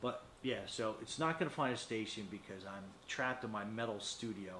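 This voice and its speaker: A man in his fifties, a product reviewer, speaks at a moderate pace in a fairly low voice. He gives an informal, unscripted demonstration from his desk in a small indoor studio walled with metal, rambling slightly as he thinks aloud. There's echo and a bit of faint noise.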